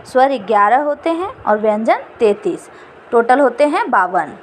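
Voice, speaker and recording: A woman teaching an exam-prep lesson, repeating each definition slowly. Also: a little high, very animated, a little hiss or hum.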